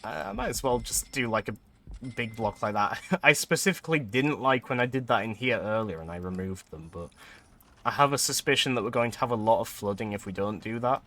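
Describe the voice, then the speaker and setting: A man's voice: medium pitch, lively intonation, brisk, a bit bright. Chatty man streaming a game. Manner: chatty, thinks aloud, laughs often. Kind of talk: casual gameplay commentary.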